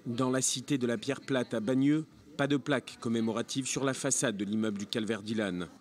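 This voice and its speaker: Man narrating a news report, mid-pitched. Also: steady tone, fairly quick.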